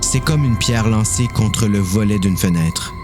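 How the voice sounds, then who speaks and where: A man from Quebec reads a dramatized story from a script in a low voice, going a little slowly. Music is clearly audible beneath his narration.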